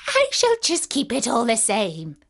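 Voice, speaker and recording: Woman acting a wicked old storybook witch, high-pitched, slow drawn-out words, theatrical, cunning, wailing. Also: wildly swooping pitch, full character voice. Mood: gloating, defiant.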